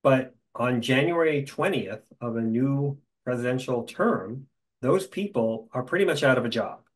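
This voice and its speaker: A middle-aged man, a guest in a conversation, telling stories in a lively way with dry humor. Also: mid-range voice, moderate pace, low-quality recording.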